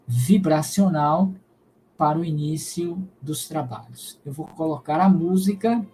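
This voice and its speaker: A man from Salvador, Bahia, giving a spiritist lecture and leading a prayer in a slow, solemn, measured way. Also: on the high side, mellow, a little hiss or hum, poor audio. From Salvador, Bahia, Brazil. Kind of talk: devotional lecture and prayer in a live stream.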